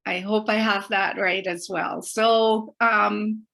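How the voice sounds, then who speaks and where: A middle-aged woman from Barbados hosting a community talk show, speaking slowly and carefully with many fillers. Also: medium pitch, fairly even intonation, creaky, fairly bright tone. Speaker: host.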